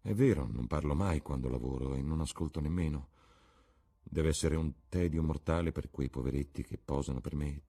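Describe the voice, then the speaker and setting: A reserved, earnest painter speaks in a low, muted tone, as a male narrator voices him. His voice is deep and husky, the words held back and grave. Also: normal speed, dark tone, exaggerated voice.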